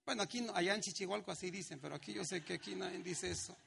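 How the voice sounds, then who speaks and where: Brief: middle-aged pastor, high voice with gravel, slow emphatic sermon delivery. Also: male voice, fairly bright tone, slight background noise. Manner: preaching with slow emphatic lines and acted-out quotes.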